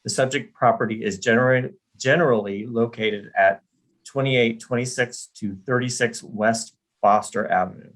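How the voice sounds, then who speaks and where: A man's voice: medium pitch, moderate pace, fairly bright tone, rough recording. A man from the city planning department giving a formal presentation on a video call, reading steadily from a prepared script.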